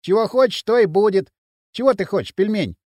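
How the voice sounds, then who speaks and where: A man's voice: high-pitched, expressive, a little fast, darkish tone, no echo. A man voicing a brash, cocky young man who jeers and bosses his friend in loose street talk. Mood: scheming.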